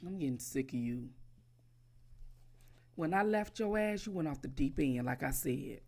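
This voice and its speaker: A woman's voice: sits low, lively intonation, normal speed, warm tone. A woman delivering a profane, taunting roast on a livestream, crude and mocking, repeating her target's name again and again.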